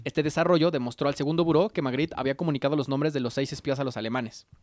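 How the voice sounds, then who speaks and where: A man's voice: mid-range voice, steady tone, very fast, darkish tone, dry recording, studio quality. A young man with a Mexican accent telling a history story in a casual podcast chat. He jokes and slips into slangy voices for the people in it. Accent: Mexican Spanish. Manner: joking, slangy, acts out characters while narrating.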